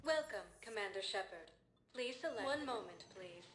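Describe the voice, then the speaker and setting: A woman voicing a calm female automated computer that makes polite announcements in a video game. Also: mid-range voice, moderate pace, roomy sound, slight background noise. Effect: automated announcement system voice.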